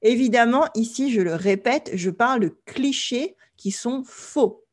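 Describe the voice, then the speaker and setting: A woman from France teaching an online French class, explaining slowly and clearly and often checking that her students follow. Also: fairly high pitch.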